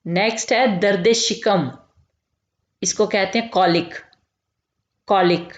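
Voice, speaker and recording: Woman drilling vocabulary in a roomy echo. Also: mid-range voice. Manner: repeats each term slowly and clearly. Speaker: teacher. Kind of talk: vocabulary lesson. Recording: echoey, dull lo-fi room recording.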